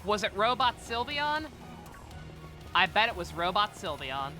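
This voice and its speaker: A man's voice: high voice, big pitch swings, unhurried, bright, forceful tone, soft background music. A man giving casual, sweary, joking commentary while streaming a video game.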